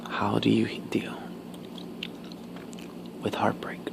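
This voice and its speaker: Slow, whispering man chewing gum, creaky. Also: lowish voice, monotone. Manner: chewing gum while talking; halting, pausing between short phrases. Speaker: ASMR video creator. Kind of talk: whispered ASMR casual talk.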